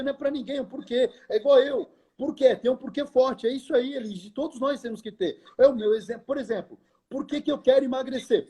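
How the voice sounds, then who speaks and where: Husky high-voiced male lecturer telling a story. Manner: animated, acts out quoted dialogue, often addresses the host by name. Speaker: lecturer and guest speaker. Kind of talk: conversational storytelling.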